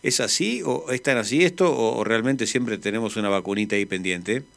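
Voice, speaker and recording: A man with an Argentine Spanish accent, a radio host asking questions in a relaxed, chatty way. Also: on the low side, a little fast, creaky. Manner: conversational, informal.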